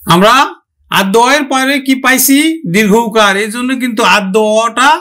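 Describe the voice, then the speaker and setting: A man teaching an online grammar lesson. He asks questions, answers them himself, and stretches out each example word slowly. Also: very high voice, bright, forceful tone. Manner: slow, drawn-out pronunciation of example words.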